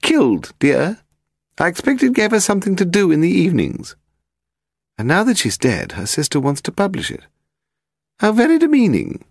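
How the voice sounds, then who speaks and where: A man reading an audiobook voicing a frail, sharp-tongued aristocratic woman in her eighties with a high, imperious voice. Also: wildly swooping pitch, moderate pace, gravelly, long pauses, no room sound, clean studio sound, exaggerated voice. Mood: malicious. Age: 80s.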